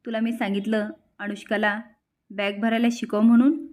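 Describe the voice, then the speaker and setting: A woman voicing a gentle young man who runs a company and talks in an earnest, coaxing way. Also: medium pitch, little pitch movement, moderate pace, lightly acted. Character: gentle young male company head, pleading.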